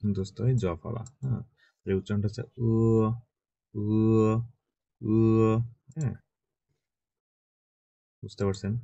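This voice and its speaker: Low gravelly man teaching online. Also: moderate pace, pauses often, mellow, no echo. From Bangladesh. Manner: patient, checks in often with short questions. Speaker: Chinese language teacher. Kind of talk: online class teaching pronunciation.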